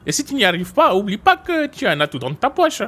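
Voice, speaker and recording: Man doing a high-pitched police chief. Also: very animated, quick pace, exaggerated voice. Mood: briefing. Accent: Marseille. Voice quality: high and bright.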